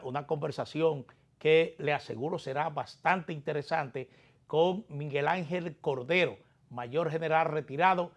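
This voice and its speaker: A man's voice: fairly high pitch, highs cut off. A man with a Dominican Caribbean Spanish accent, hosting an interview show in a courteous, formal broadcast style.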